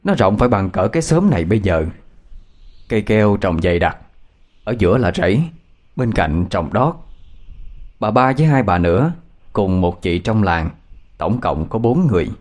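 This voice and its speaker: A man narrating a ghost story as a lively, dramatic storyteller. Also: fairly low pitch, normal speed, long pauses.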